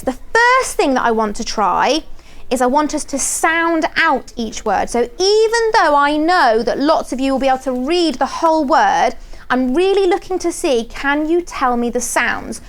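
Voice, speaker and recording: High-voiced southern English woman teaching. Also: sing-song. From Berkshire, England. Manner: slow, clear modelling of letter sounds. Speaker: phonics teacher. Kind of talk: classroom teaching with commentary.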